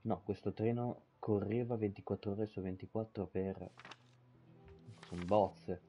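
A man's voice: fairly low pitch, steady tone, measured pace, warm tone, soft background music. A man streaming a game, swearing casually and stumbling as he reads in-game texts aloud. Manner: swears casually, stumbles over words while reading. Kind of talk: live gameplay commentary and reading in-game texts aloud.

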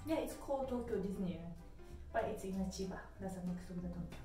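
A woman's voice: mid-range voice, fast. A young woman, a native Japanese speaker with a Japanese accent, playfully hosting a casual quiz in English as a second language. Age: young adult. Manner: playful, giggly. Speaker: quiz host. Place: small indoor bathroom. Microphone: camera a few steps away. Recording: echoey bathroom, distant microphone, music behind.

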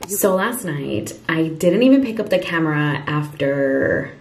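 A woman's voice: deep voice, gravelly, a little mellow. A tired young woman chatting casually to her vlog camera from her couch at home, full of "like" and "you guys". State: tired after a night shift. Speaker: vlogger. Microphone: handheld vlog camera.

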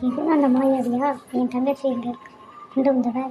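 A woman's voice: high voice, fairly even intonation, moderate pace, phone-quality sound, music in the background, lightly acted. A woman doing a defiant brave heroine. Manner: defiant, sharp. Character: brave defiant young woman rescuing her sister.

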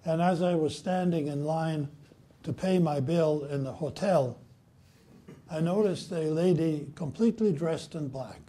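Filmed from far off as he stands at a lectern, an older guest lecturer from Poland presents a prepared history talk to an audience in a library room. He sounds dark and deep-toned yet slightly raised in pitch, solemn and measured, taking his time, especially when reading quotations.

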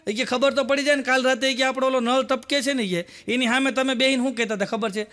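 A man's voice: very high-pitched, steady tone, quick pace, pushed and bright. A man telling folk jokes on stage, acting out characters' lines and laughing often as he goes. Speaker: stand-up comedian telling jokes. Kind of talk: Gujarati folk joke storytelling.

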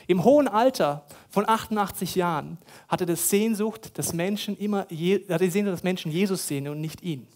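A pastor delivers a sermon, his voice sitting noticeably high for a man. He tells stories dramatically and hammers points home by repeating phrases. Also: moderate pace, few pauses, a little mellow.

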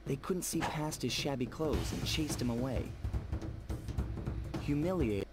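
A man's voice: mid-range voice, animated, a little slow, over loud music. A man giving scripted narration in a game cutscene, his audio dropping in and out at uneven volume. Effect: game audio cutting in and out, uneven volume.

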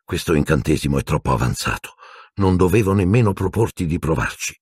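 A man voicing a kind but careful adult wizard teacher in an audiobook, calm and measured. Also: sits low, breathy edge, no room sound, clean studio sound. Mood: gentle. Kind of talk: audiobook character voice.

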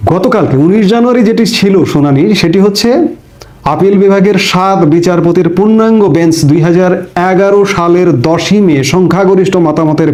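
A man's voice: a little high, dark tone. A man giving a political commentary monologue, reading out court details and then arguing his own view.

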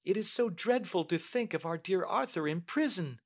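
A man voicing an earnest, anxious young Victorian lady with polite, soft-spoken pleading, in audiobook style. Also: sits high, animated, moderate pace, voice pushed up. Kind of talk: audiobook character acting.

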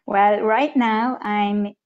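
A middle-aged woman from Tanzania, an executive coach speaking as a guest. She talks in a measured, thoughtful way from home on a video call. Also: medium pitch, fairly even intonation, a little mellow. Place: room at home. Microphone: laptop webcam on a video call. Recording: dull lo-fi video-call audio.

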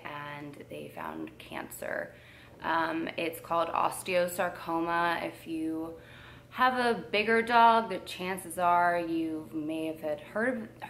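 Slow, gravelly-voiced young woman vlogger. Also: fairly low pitch, a bit bright, a little hiss or hum. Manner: emotional, hesitant, with many pauses and fillers. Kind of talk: personal update to camera. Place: at home with her dog.

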